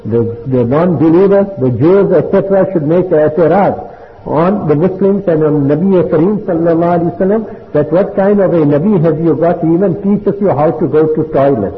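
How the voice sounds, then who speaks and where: A man delivers an earnest sermon, his voice sitting a little high. The sound is thin and phone-like, and a long hall reverb trails behind each phrase. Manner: earnest preaching mixing English with Urdu and Arabic terms. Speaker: Islamic preacher. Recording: echoey hall on a tinny line.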